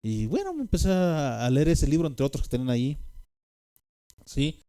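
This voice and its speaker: A man's voice: fairly high pitch, big pitch swings, moderate pace, mellow. A man with a Mexican accent telling a personal testimony, rambling with fillers and tag questions. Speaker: speaker giving a personal testimony.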